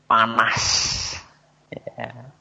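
Slow-speaking man preaching in a hall. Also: medium pitch, monotone, gravelly, sharp tone. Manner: asks the audience questions and answers them himself. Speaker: religious speaker. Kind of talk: Islamic parenting talk to an audience.

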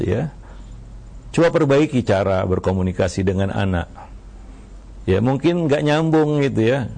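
Ustaz type guy, warm low-ish mellow tone, slow careful advice w lots of "ya". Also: gravelly, husky. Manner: measured, frequent "ya" fillers, quotes Arabic verses. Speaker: Islamic teacher answering questions. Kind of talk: religious advice talk.

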